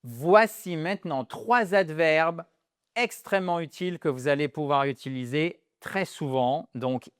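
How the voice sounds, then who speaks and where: Male English tutor, playful and animated; smooth voice, dry close recording. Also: on the high side, unhurried, no echo. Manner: animated, playful, shifts between French and English examples. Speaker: English teacher. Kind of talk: lively language lesson.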